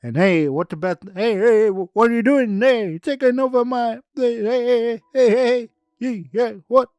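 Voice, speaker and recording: A man voicing a pompous male vampire count who loves his organ, declaiming slowly and grandly. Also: a little high, darkish tone, clean tone, no echo. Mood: flustered.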